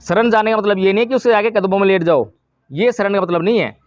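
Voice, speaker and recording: A man with a high voice gives a Buddhist sermon to a village gathering. He keeps asking the crowd questions and answers them himself. The sound is close and dry, with no echo. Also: quick pace. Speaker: Buddhist preacher. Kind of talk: dhamma talk to a village gathering.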